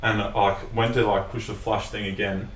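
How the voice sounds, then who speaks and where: A young Australian man with a lowish voice recounts a trip, filling the pauses with ums and the odd swear. The room sounds echoey, with the mic a little way off and a faint hiss underneath. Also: distant mic. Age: young adult. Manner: relaxed storyteller, swears, hesitant fillers. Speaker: guest. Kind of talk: casual chat, storytelling.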